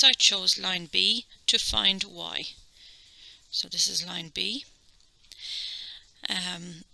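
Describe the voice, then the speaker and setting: A woman's voice: mid-range voice, vocal fry, sharp tone, no room sound, poor audio. A woman with an Irish accent teaching a maths lesson, explaining each step patiently and checking in with "okay?".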